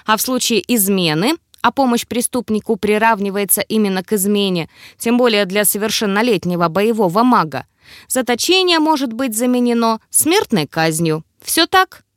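A woman's voice: medium pitch, lively intonation, moderate pace, no echo, lightly acted. Woman doing snide elf guy, drawly and mocking, dry close mic. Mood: sarcastic. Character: sarcastic, mocking male elf curator.

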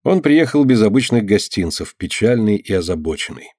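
A man reading a novel aloud in a measured, even scripted narration. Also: fairly low pitch, no room sound, clean studio sound. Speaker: audiobook narrator.

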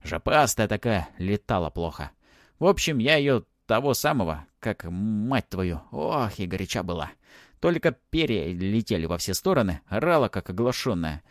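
A man voicing an ancient male mummy lord, gruff, bawdy and commanding, in a storybook reading. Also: on the low side, very animated, normal speed, no echo, clean studio sound. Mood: gruff bragging.

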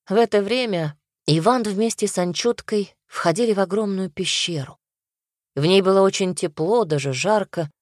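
A woman reading a fairy tale aloud with steady, expressive narration. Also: mid-range voice, dry recording, studio quality. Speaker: storyteller.

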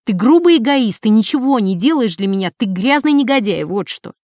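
A woman reading as a furious rich wife who scolds her husband in a shrill, scolding voice. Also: animated, brisk, darkish tone, no room sound, studio quality, natural voice. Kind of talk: audiobook character reading.

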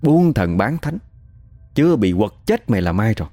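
A man's voice: medium pitch, very animated, normal speed, a little mellow, no echo, soft background music. A man voicing an old man who scolds with contempt. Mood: scornful. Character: stern frail old man scolding a fake medium.

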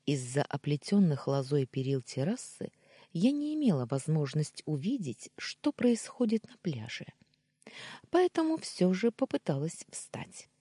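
A woman narrating a first-person story, expressive and giving the dialogue its own voices. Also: deep voice, measured pace, slightly rough, dry recording, studio quality. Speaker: audiobook narrator.

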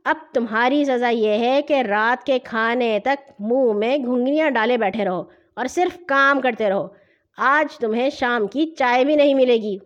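A woman's voice: a little high, dull audio, close to an everyday voice. Woman doing a bossy strict big brother. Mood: commanding. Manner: scolding, rapid-fire questions. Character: bossy strict elder brother, teenage boy. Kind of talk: storybook reading.

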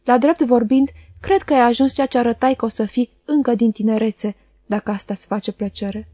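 A woman reading as a blunt, sharp-tongued aunt. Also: fairly high pitch, steady tone, no room sound, clean studio sound, lightly acted. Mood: curt.

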